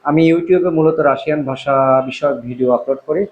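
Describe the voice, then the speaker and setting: A man teaching simple phrases in a casual spoken lesson, repeating each word slowly with many fillers. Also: a little high, highs cut off. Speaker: language teacher.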